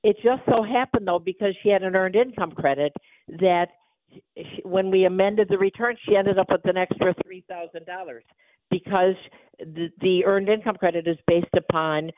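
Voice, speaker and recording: The chief executive of a tax preparation company talks on live radio by telephone, explaining things as an expert guest. She sounds alert and awake, with a fairly low voice at normal speed. The line is thin and tinny, with no room sound.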